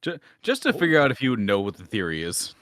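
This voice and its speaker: A man with a very low voice runs a tabletop game, rambling and restarting his sentences as he thinks aloud. The sound is dry and close to the mic. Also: very animated, fast, fairly bright tone, no echo. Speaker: game master.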